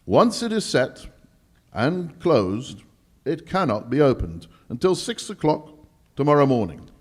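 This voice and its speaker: Man playing a fretful, lively-pitched lord. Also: breathy edge. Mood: nervous, polite. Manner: hesitant, halting, polite. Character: nervous, deferential English lord, a fretful bank governor. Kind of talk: 1940s radio drama acting before a live audience.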